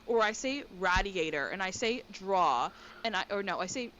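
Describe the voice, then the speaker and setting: A woman co-hosting a casual podcast chat from her bedroom, talking quickly and excitably. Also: mid-range voice. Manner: fast, excitable talker. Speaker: podcast co-host. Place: bedroom at home. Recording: dull lo-fi with faint noise.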